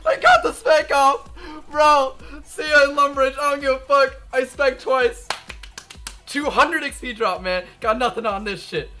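A man streaming a game in a very high, bright voice, hyped up and swearing in loud bursts. Faint music plays behind him. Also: animated, a little slow. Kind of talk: excited gameplay streaming.

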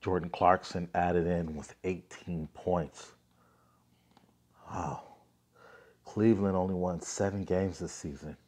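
Slow and pausing often, this low-pitched, steady, slightly mellow voice belongs to a man in his thirties recapping basketball on a casual podcast. Still coughing from a cold, he reads scores and rants in an offhand way, heavy on fillers, into a selfie-framed phone mic.

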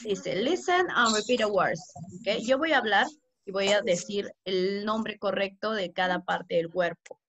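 A woman English teacher with a Peruvian Spanish accent, giving an online class slowly and with a lot of repetition. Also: mid-range voice, a bit bright. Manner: slow and repetitive, code-switching. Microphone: video call. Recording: muffled video call audio, faint noise.

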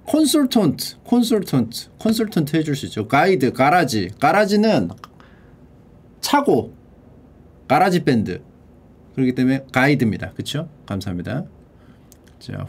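A man's voice: medium pitch, darkish tone. A man streaming casually, playfully sounding out English vocabulary and translating it. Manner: playful, drawls out English words slowly and repeats them; mutters and swears under his breath. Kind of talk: casual livestream vocabulary study.

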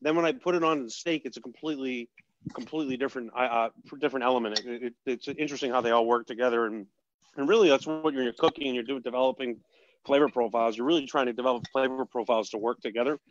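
A man's voice: mid-range voice, fairly even intonation, quick pace, muffled recording. Chatty man talking food over a call. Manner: chatty, talks while eating, trailing restarts. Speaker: host. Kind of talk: casual cooking chat.

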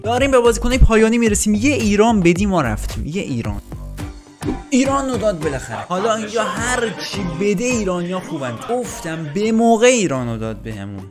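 A man hosting a game channel, giving excitable live gameplay commentary, talking to himself and cursing at the game. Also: high voice. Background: game music.

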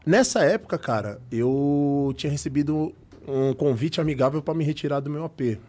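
A man's voice: fairly high pitch, moderate pace, mellow. A young Brazilian man, a podcast guest, telling an emotional personal story in casual talk and acting out the dialogue.

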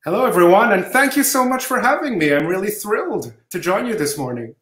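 A middle-aged man from Jamaica, a professor, answering interview questions over a video call with measured storytelling. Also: high-pitched, very animated, a bit bright. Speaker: guest professor. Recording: roomy video-call audio.

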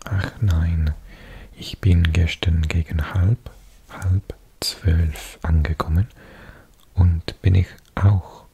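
Male ASMR whisperer: mellow, slow, soft reading delivery, close-miked. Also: sits low, fairly even intonation, gravelly, slightly rough. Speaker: ASMR video host.

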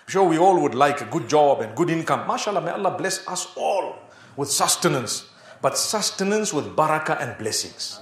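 A man with a notably high voice preaches a sermon, firing off rhetorical questions and hammering his points home. The sound carries a roomy echo. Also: very animated, moderate pace. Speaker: Islamic preacher.

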